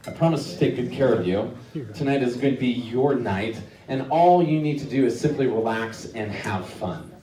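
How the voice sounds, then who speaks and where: A man hosting a live stage hypnosis show, giving commanding, repetitive instructions with drawn-out phrases. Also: medium pitch, mellow, recorded from a distance. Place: live show venue with audience. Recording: echoey live stage, crowd noise.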